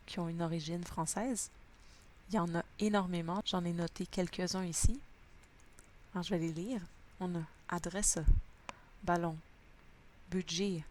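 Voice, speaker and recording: A woman's voice: lowish voice, a little hiss or hum. A woman teaching a language lesson, patiently spelling out sounds word by word. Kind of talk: slow spoken lesson.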